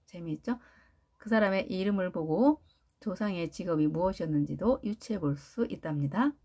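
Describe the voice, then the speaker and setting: A woman teaching English pronunciation in Korean, repeating each word slowly and stressing syllables. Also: on the low side, darkish tone, breathy edge. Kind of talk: pronunciation lesson with drilled repetitions.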